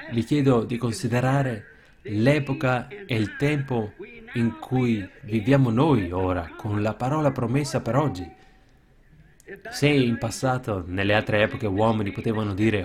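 A man preaching a sermon with passion, swinging from loud shouted peaks down to quiet, low asides. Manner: impassioned, rises to shouts then drops low.

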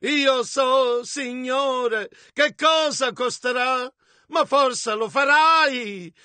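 Phrase by phrase, a man renders a sermon in a very high, bright, clean-toned voice, mirroring the preacher's shouts. His delivery is slow and emphatic, and the sound is close and dry.

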